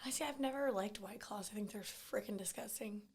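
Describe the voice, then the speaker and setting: A woman's voice: mid-range voice, a little fast, a little mellow. A woman co-hosting a casual podcast, speaking bluntly and swearing offhandedly. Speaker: podcast co-host.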